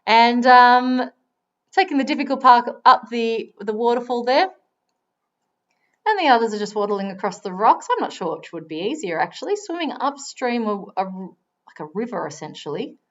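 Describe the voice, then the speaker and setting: A woman giving chatty live commentary on a wildlife stream, now and then breaking into excited exclamations. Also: fairly high pitch, normal speed, highs cut off.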